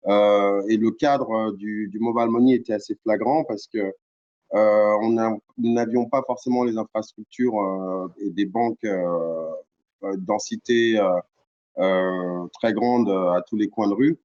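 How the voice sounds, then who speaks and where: A middle-aged man from Cameroon giving keynote remarks on an online panel, earnest and halting, full of fillers and restarts. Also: lowish voice, steady tone, darkish tone, lo-fi sound. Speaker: panel guest speaker.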